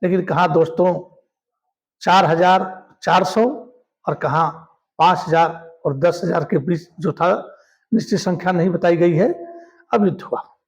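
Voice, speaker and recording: A man with a high voice tells a history story as a lesson. He is animated and speaks to his listeners as friends. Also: measured pace, vocal fry.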